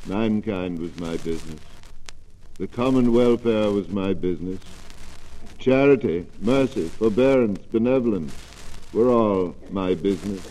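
A man voicing the mournful ghost of a dead miser, speaking slowly and quietly. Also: fairly low pitch, close to an everyday voice, poor audio. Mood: warning. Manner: slow, hushed and solemn. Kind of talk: storybook reading.

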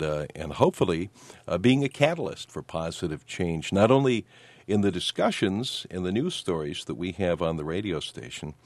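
A man hosting a call-in radio talk show, speaking in a smooth radio host manner from a studio microphone. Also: low-pitched, no echo.

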